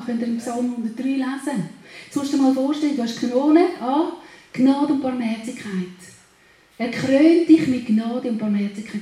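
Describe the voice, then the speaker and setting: A woman preaches a sermon, urging her listeners on and building to loud declarations. Her voice sits a little high and sounds mellow. The room around her echoes heavily. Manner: exhorting, rising to louder declarations.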